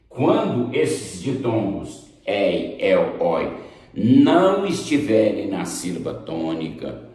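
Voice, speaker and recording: A man's voice: low voice, darkish tone. A man teaching a grammar lesson, emphatic, repeating examples and checking in with students. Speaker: Portuguese teacher. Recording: very echoey room.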